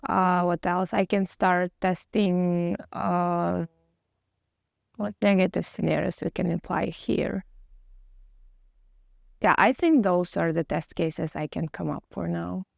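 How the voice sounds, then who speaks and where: A woman's voice: fairly low pitch, fairly even intonation, takes it slowly, creaky, darkish tone, no room sound, clean studio sound. A woman answering as a candidate in a mock technical job interview, speaking formally and hesitantly, with some nerves.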